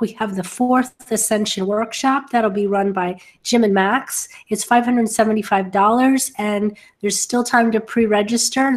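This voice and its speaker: A middle-aged woman hosting a casual webinar over a video call, sounding a little short of breath from bronchitis. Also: on the high side. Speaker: webinar host. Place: home office, indoors, on a video call.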